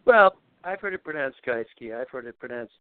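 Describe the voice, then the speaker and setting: Guest lawyer, male, brisk and easygoing, dry tinny phone sound. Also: a little high, expressive, clear, resonant tone. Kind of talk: casual interview answer.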